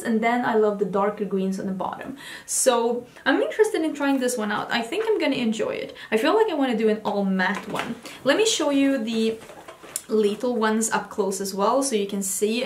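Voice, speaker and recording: A Swedish woman in her thirties, speaking with a Swedish accent, films a casual beauty haul at home in a room lit by vanity lights. Her voice sits on the high side and the sound is roomy. She chats enthusiastically and often restarts words.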